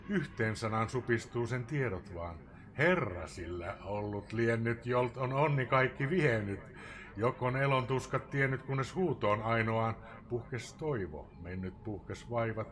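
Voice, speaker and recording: A man's voice: fairly low pitch, a little hiss or hum. Theatrical man reciting poetry. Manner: theatrical, swinging between loud outbursts and hushed whispers. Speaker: live streamer reading a poem.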